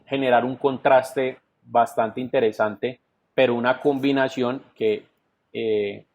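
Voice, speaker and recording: A man with a Colombian Spanish accent and a medium-pitched, darkish voice teaches a virtual class from home or an office over video call. He explains step by step, often saying "entonces" and checking in with students through questions like "¿sí?", captured on a computer mic with dull lo-fi online class audio.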